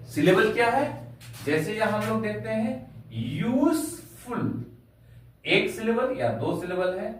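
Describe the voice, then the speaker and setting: Man teaching a grammar class, slow and patient, spells stuff out letter by letter, big echo like he's far from the mic. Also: sits high, animated, a little hiss or hum. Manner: slow, spells words letter by letter, asks rhetorical questions. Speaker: English teacher. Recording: very echoey room, from far off.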